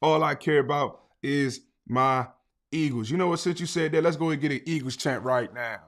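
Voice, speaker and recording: A man hosting a live sports talk stream, reading viewer comments in an animated way and often asking "right?". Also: fairly high pitch, moderate pace.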